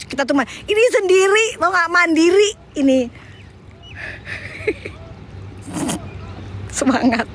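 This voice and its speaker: A woman's voice: high-pitched, fairly bright tone, a little hiss or hum. A woman vlogging outdoors, teasing and laughing hard while she comments on a friend. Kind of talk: casual commentary while filming.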